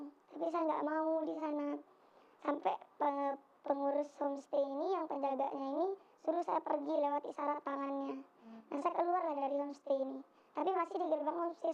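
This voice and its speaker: High, gravelly young woman, hesitant. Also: darkish tone. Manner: hesitant, halting with many fillers. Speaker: interviewee recounting an assault. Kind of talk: spoken testimony. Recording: dull lo-fi recording.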